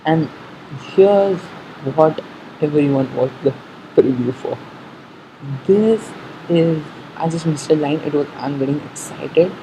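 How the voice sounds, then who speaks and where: A fan giving casual commentary on an episode preview, haltingly thinking aloud, repeating and correcting themselves, on a muffled recording. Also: mid-range voice, warm tone. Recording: muffled sound with faint background noise.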